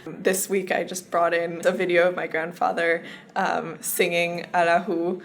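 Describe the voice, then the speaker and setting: Earnest young woman, low voice. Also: level tone, measured pace. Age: young adult. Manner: earnest, enthusiastic. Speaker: student in the program. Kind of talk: interview testimonial.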